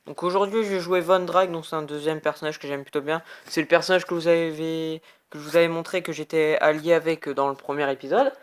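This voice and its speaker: Brisk and barely pausing, this young man's voice is on the high side with fairly even intonation and a clean tone. He's a gaming YouTuber with a cold, sniffly and slightly congested, rambling casually through play-by-play commentary. He tosses in sound words such as "hop" and "bam."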